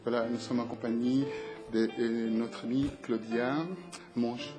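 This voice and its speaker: A man's voice: mid-range voice, level tone, unhurried, over music. A man hosting a web TV interview, asking loosely phrased questions and often repeating his words.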